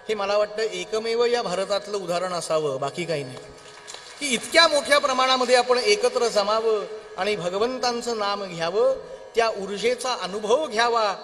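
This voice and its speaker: A man performing a devotional kirtan, telling a story in an animated way with acted character voices and chanting scripture verses, in a large auditorium. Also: sits high. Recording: long hall reverb with faint instrumental music.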